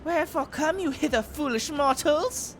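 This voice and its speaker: A man's voice: very high-pitched, normal speed, pitched above the performer's own voice. A man voicing a haughty, cruel storm goddess from a game, imperious and theatrical in old-fashioned diction. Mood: haughty scorn. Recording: game music behind voice.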